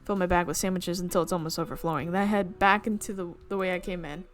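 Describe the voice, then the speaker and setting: Her voice is low and steady, and she talks fast while reading a visual novel's narration aloud in her gaming video. She keeps making slips and correcting them, with soft music in the background.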